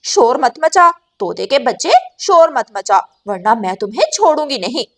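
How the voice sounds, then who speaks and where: A woman voicing a crafty, bossy female crow shopkeeper in a cartoon who scolds and threatens loudly. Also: a little high, very animated, normal speed. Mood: threatening.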